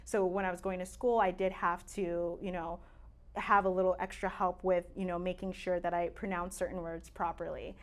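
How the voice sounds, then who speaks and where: A Tanzanian woman in her late twenties, a native Swahili speaker, chats casually as a podcast guest in an interview. Her voice is lowish and level at a normal pace, with lots of fillers and easy laughter.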